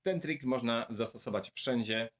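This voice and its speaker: A man giving a video lesson, speaking directly and warmly to his viewers and slowly repeating words to show how to pronounce them. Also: mid-range voice, slight background noise. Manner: friendly, addresses viewers directly. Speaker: language teacher.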